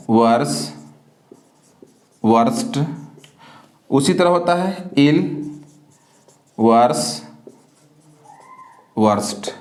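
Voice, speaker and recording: A man's voice: on the high side, darkish tone. Man teaching grammar in an echoey room. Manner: asks questions and answers them himself, spells words letter by letter; slow and deliberate, repeats filler phrases. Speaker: English teacher. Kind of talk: classroom grammar lesson.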